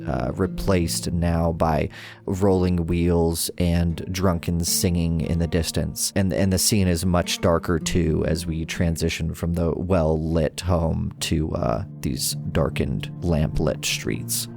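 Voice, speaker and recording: A man narrating as game master of a tabletop role-playing game, descriptive and measured. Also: deep voice, steady tone, creaky, over music.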